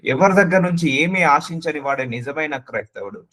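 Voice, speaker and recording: A man's voice: fairly high pitch, animated, a little fast, fairly bright tone, low-quality recording. A man preaching a sermon, earnestly addressing the listener with repeated questions and slipping English words into his speech.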